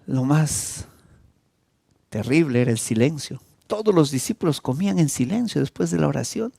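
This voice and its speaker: Gravelly emotive Peruvian preacher man. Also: expressive, moderate pace, no room sound. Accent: Peruvian Spanish. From Peru. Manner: emotive, dramatic storytelling with wide swings in pitch and loudness. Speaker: pastor. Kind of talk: evangelistic sermon.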